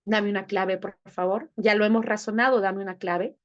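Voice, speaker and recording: A woman's voice: medium pitch, fairly even intonation, normal speed. A woman teaching an online class, affectionate and coaxing, who keeps asking the students to confirm they follow. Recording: dull lo-fi sound.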